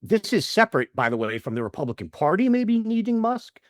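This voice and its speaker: Animated man in blunt political chat. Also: sits high, no echo, clean studio sound. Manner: animated, halting restarts, blunt. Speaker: podcast co-host.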